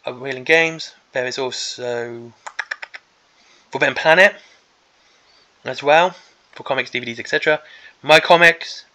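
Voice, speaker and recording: A man's voice: medium pitch, measured pace, long pauses, sharp tone. A man hosting an unscripted opinion video, rambling and emphatic, repeating himself, with a voice that is starting to give out. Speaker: hobby video host.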